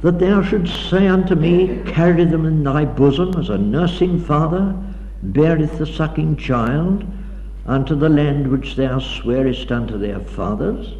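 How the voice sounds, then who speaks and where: A man's voice: fairly high pitch, animated, unhurried, darkish tone, highs cut off. Man preaching scripture on an old hall tape. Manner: dramatic, declaiming reading of scripture. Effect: old 1960s tape recording. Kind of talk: sermon with scripture reading. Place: lecture hall.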